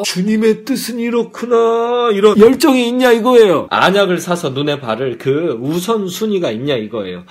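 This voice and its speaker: A male pastor giving a morning prayer sermon, animated and conversational, often acting out the voices of God and of believers. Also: sits high.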